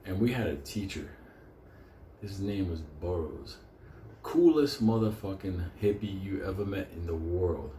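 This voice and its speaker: A low-pitched man with a dark tone speaks at a measured pace but expressively, telling casual, profane stories in a joking way. Originally a Spanish speaker from Puerto Rico or a Puerto Rican community, he rambles, curses a lot, and frequently bursts out laughing as host and storyteller. The audio carries a roomy echo and faint background noise.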